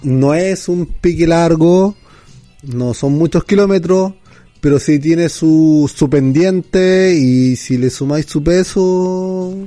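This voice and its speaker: A Chilean man co-hosting a podcast, voice pitched a little high with a soft, mellow tone. He talks in an emphatic, teasing way, peppering his casual chat with slang and curses. Faint music sits low behind him. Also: slow pace. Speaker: podcast co-host. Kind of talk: casual late-night chat.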